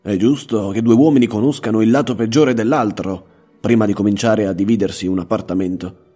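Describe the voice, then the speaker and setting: A man voicing a blunt, self-assured young male detective in a measured, matter-of-fact tone. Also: lowish voice, mellow, soft background music, natural voice. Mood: calm.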